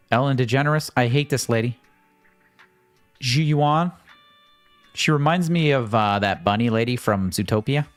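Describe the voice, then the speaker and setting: A male gaming streamer with a mid-pitched voice and lively, swinging intonation, chatting loosely and cracking jokes as he plays. Faint game music hums under his talk. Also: no echo. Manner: loose, joking, swears freely. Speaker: gaming livestreamer. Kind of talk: casual gameplay commentary.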